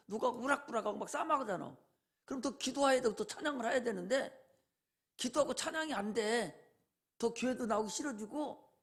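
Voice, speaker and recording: A man's voice: very high-pitched, vocal fry. A male pastor preaching a sermon in a folksy way, often asking rhetorical questions.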